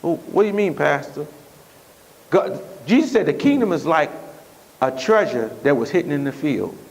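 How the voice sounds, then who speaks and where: A man's voice: a little high, expressive, moderate pace, creaky. A male pastor preaching a sermon in a conversational, repetitive way, often restarting his sentences.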